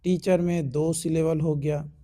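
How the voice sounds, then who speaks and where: Indian guy teaching english rules online, slow and careful, mellow voice. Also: fairly high pitch, little pitch movement. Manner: slow, explains each rule in mixed Hindi and English. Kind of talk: online exam-prep lesson.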